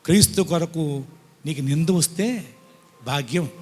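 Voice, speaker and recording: A man preaching a sermon as pastor, pleading and emphatic, swinging between loud bursts and soft asides. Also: on the high side, a little slow, husky. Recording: long hall reverb.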